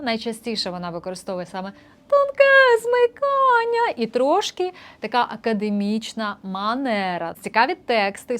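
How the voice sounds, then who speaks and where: A young woman vocal coach in a casual lesson, explaining voice technique and breaking into short sung demonstrations. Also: mid-range voice. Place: indoor room with a street musician outside.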